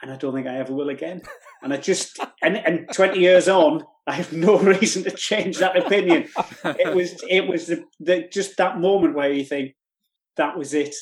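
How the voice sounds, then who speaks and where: A man's voice: fairly high pitch, normal speed. An older man from North East England, a regional TV presenter, telling stories as a guest on a podcast. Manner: rambling storyteller with many restarts. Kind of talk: casual podcast chat.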